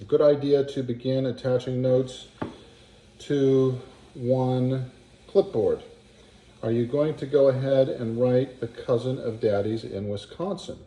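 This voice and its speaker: Reading a family letter aloud, a man speaks slowly and haltingly, stopping to work out words or add little asides. His medium-pitched voice is very mellow and dark. The home recording is roomy, with a clear echo.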